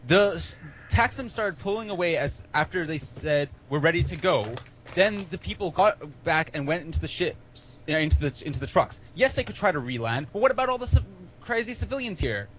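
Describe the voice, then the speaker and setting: A man running a tabletop game as game master, halting and restarting as he explains what happens. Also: high voice, animated, a bit bright, slight background noise.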